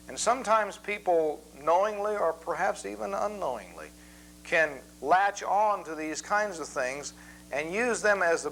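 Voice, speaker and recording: A man gives a Bible lesson in a measured, methodical lecture, reading scripture aloud. His voice sits a little high for a man. A faint hum runs under the recording. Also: a bit bright, low-quality recording. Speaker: Bible teacher.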